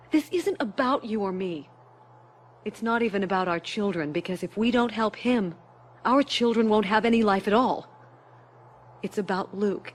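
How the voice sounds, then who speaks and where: An actress playing an earnest, strong-willed, worried princess with a grave, urgent manner in a science fiction audio drama. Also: female voice, fairly high pitch, lightly acted.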